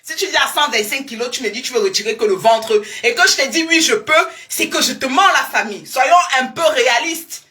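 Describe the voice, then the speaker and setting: A young woman, a weight-loss coach chatting live to her followers in a lively, repetitive, coaxing way. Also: sits high, brisk, hardly any pauses. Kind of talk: casual live-stream talk to followers.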